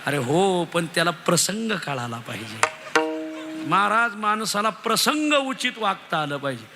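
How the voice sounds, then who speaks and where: A man preaching a devotional kirtan sermon, telling lively humorous stories to the audience. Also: high voice, a little slow, over loud music. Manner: lively storytelling, addresses audience as maharaj.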